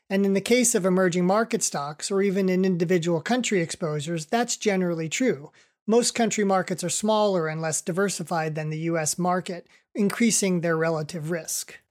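An investment adviser reading a scripted financial commentary in a formal, measured and careful way. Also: medium pitch. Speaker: investment adviser giving monthly market commentary.

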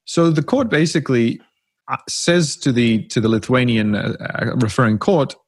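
A man in his thirties co-hosting a podcast, explaining a case in a lively, self-mocking way with frequent restarts. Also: mid-range voice, moderate pace, dry recording. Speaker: podcast co-host. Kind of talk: casual expert discussion.

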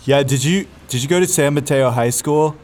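A man's voice: mid-range voice, normal speed, darkish tone, close to an everyday voice. A man voicing an awkward young man chatting up a stranger in a comedic screenplay read-through, hesitant and stumbling.

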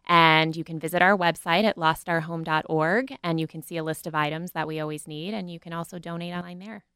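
A woman giving informative answers as an interview guest, articulate and measured. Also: lowish voice, fairly even intonation, fairly bright tone, smooth, no room sound, clean studio sound. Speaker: animal shelter representative, guest. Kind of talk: casual but informative radio interview.

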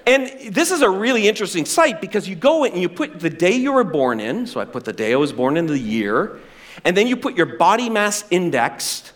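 A middle-aged male pastor preaching a sermon with animated, self-deprecating humor. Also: high-pitched, brisk.

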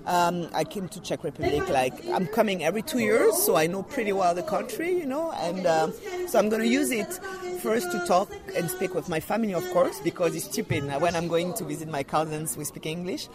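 Woman talking in halting bursts. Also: on the low side. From Cameroon. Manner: halting, many fillers and laughs. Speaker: summer school student. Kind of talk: casual interview answers.

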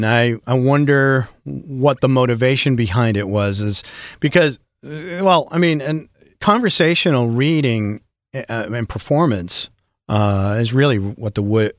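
A middle-aged man who voices for a living, talking as a podcast guest in an animated, storytelling way with frequent restarts. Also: mid-range voice, moderate pace, no room sound, studio quality. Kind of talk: casual conversation.

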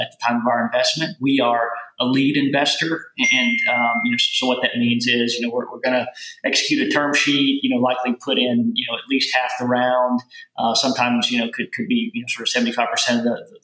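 A man in his forties with a Southern Kentucky accent, talking casually as an interview guest, halting and full of filler words. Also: mid-range voice, a bit bright. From rural Kentucky. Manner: halting, heavy use of "you know" fillers and repeated words. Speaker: venture capital guest. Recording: roomy echo.

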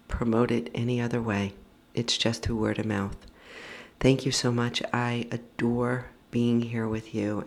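A podcast host speaking earnestly and tenderly in a heartfelt solo talk, often sinking into soft, breathy near-whispers. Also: medium pitch. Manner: unhurried, with lingering pauses.

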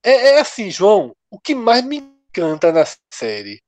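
A man's voice: high-pitched, huge pitch swings, moderate pace, a little mellow, no room sound. A man co-hosts a casual panel show. His voice rises and falls a lot as he lays out his points in loose, slangy talk. The sound is close and dry. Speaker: co-host.

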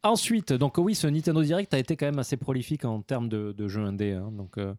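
A man hosting a casual gaming chat, calmly steering through the news segments. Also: medium pitch, fast, no echo. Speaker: podcast host reading the news.

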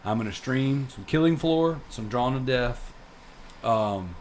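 A man's voice: medium pitch, measured pace. Guy in his 30s rambling thru a story on his podcast, dude this freaking that, bit of hiss behind. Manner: rambling and animated, lots of fillers like dude and freaking. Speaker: podcast host. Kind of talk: casual storytelling chat.

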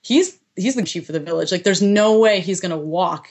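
A young woman from the United States tells a story in a relaxed, chatty way. Her voice sits a little low, and she laughs often and fills her sentences with "like.". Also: moderate pace. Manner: animated, heavy use of "like" fillers, laughs often. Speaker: guest recounting a past experience. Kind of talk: casual storytelling.

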